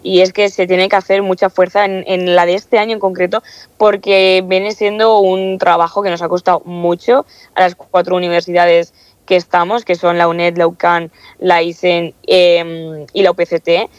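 A young woman from Castilla-La Mancha, Spain, a student council member, answers interview questions in a lowish, level voice at a moderate pace. She's chatty, with many fillers and restarts, and the recording is dull, lo-fi, and dry with no echo.

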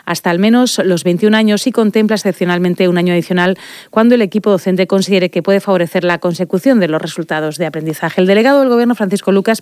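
A woman's voice: lowish voice, a little mellow, dry recording. A woman, reading the regional news as anchor in a studio. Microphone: studio microphone.

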